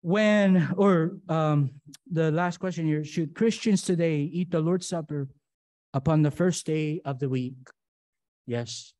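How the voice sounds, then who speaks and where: A man's voice: on the high side, slow pace, darkish tone. A middle-aged man teaching a Bible study from a church lectern, talking in a conversational way and often checking in with "right?" and rhetorical questions. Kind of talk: classroom-style sermon with fill-in-the-blank slides. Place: church room, standing at a lectern.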